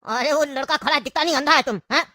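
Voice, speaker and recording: A woman's voice: high-pitched, quick pace, no room sound, studio quality. A woman voicing a bossy, mocking know-it-all man in a comedy skit, with a Bhojpuri-region Hindi accent. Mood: teasing. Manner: scolding, mocking, loud.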